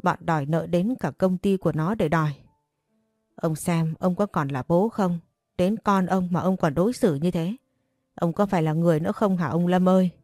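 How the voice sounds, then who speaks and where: An enraged middle-aged mother who wails and curses in a shrill way, as a woman narrator puts her on. The voice underneath stays mellow and low, and faint music plays behind the audiobook reading. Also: normal speed, no room sound, clean studio sound, lightly acted. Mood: scolding. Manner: shrill scolding, cursing.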